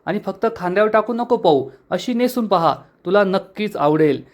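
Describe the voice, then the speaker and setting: A man's voice: high-pitched, expressive, moderate pace, voice pushed up. A man voicing a delighted, coaxing middle-aged mother in a spoken recap of a TV serial, raising his voice for her. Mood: gushing. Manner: gushing, coaxing.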